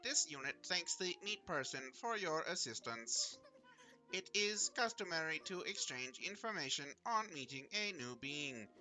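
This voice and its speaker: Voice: mid-range voice, expressive, unhurried, sharp tone, poor audio. A streamer putting on a robot voice to play a stiff, formal male robot worker in a game, speaking in clipped, literal phrases. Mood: mechanical, formal. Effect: robot voice put on by a streamer. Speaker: streamer reading game dialogue aloud. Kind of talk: let's play voice acting.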